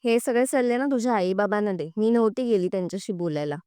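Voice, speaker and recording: A woman reading the lines of a haughty, sharp-tongued young wife in a serial recap. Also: medium pitch, fast talker, clear, resonant tone, no echo, studio quality, close to an everyday voice. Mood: scornful. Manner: rude, scolding.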